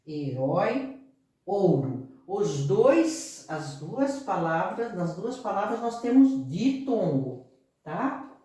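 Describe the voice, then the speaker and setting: A Brazilian woman teaching a grammar lesson, explaining slowly, repeating herself and often checking that the class follows. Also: medium pitch, big pitch swings, dark tone. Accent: Brazilian Portuguese. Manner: explains slowly with frequent check-ins and repetition. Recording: echoey room, voice far from mic.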